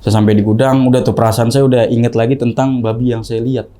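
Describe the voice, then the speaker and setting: A young man telling a ghost story in casual talk, acting out the quoted voices in a higher pitch. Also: fast talker. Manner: animated, acts out the quoted voices with rising pitch. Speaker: guest storyteller.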